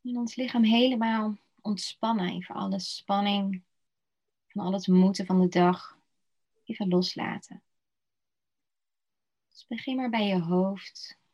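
A woman guiding a slow body-scan relaxation meditation in a soft, soothing voice with long pauses. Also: medium pitch, steady tone. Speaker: meditation guide. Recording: dull lo-fi recording.

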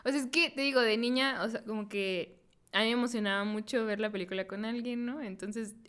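A woman's voice: a little high, steady tone, brisk, a bit bright, clear, resonant tone. A young woman with a Mexican accent, co-hosting a casual chat, playful and often laughing. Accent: Mexican Spanish. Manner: playful, giggly, defensive. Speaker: podcast co-host.

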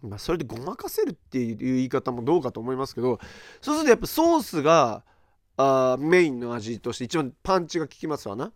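A man's voice: medium pitch, fast, dry recording, studio quality. A middle-aged man hosting a podcast, chatting casually and telling a story in a loose, rambling way, with many fillers and acted-out reactions. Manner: animated storytelling, acting out others' reactions. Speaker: podcast host.

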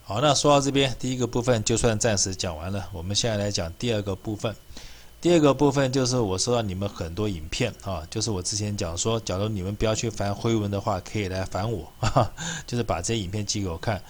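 A man's voice: lowish voice, fast. A man giving a sarcastic political monologue, scornful and often heated. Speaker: political commentator.

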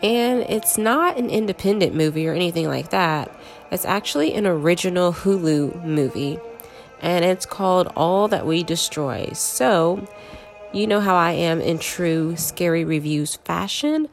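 A woman's voice: lowish voice, lively intonation, measured pace, creaky, soft background music. A woman with a congested, stuffy-nosed voice from a cold, hosting a casual, chatty horror movie review full of conversational filler words. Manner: chatty, conversational, frequent "like" and "you know". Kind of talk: casual solo review chat.

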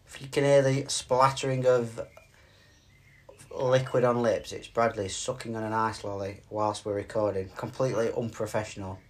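A man's voice: lowish voice, flat delivery, normal speed. A middle-aged man, co-hosting a casual podcast with a playful, teasing and mock-stern manner. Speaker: podcast co-host. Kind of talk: casual chat.

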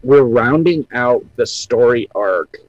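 A man co-hosting a casual chat, speaking haltingly with many fillers. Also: mid-range voice, animated, no echo, muffled recording. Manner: lots of brief agreeing, halting speech. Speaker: podcast co-host.

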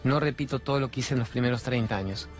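A man's voice: mid-range voice, fast, soft background music. A middle-aged man with a Rioplatense Spanish accent gives a spiritual self-help talk. He speaks emphatically, asks rhetorical questions and uses colloquial slang.

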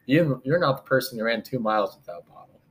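A man's voice: medium pitch, fast talker. A man co-hosting a podcast, telling a story in casual chat and acting out what people said. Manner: animated storytelling, acting out quotes. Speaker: podcast co-host.

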